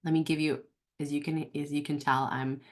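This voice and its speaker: A woman's voice: low voice, brisk. Sick, chatty accented woman coach. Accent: non-native English. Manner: chatty, animated, self-joking. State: sick, slightly hoarse. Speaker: webinar host and life coach. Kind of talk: live webinar teaching.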